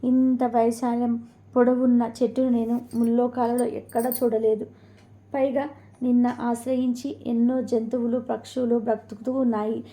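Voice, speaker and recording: A woman voicing a wise old male sage in a spoken storybook, in a calm, even tone. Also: fairly high pitch, normal speed, lightly acted.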